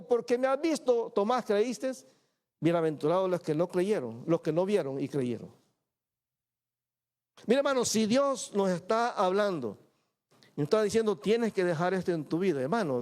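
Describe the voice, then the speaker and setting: Male pastor, high-pitched sermon voice, calls the congregation brother, acts out the voices he quotes. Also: a little mellow. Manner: addresses listeners as "hermano", acts out quoted voices. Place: church in Montreal.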